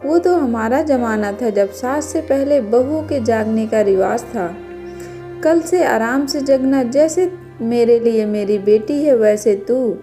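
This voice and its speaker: A woman's voice: a little high, slow, warm tone, soft background music. A woman voicing a kindly middle-aged mother-in-law who coaxes and dotes on her new daughter-in-law in a storybook tale. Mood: affectionate. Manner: affectionate, coaxing.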